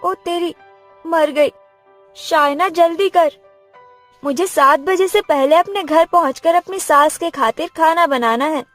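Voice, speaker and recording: A woman plays a sly young cartoon wife who dodges housework with sweet talk and fake sneezes. The voice is high and light, quick with a scheming charm. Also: fairly bright tone, faint music behind. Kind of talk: cartoon voice acting.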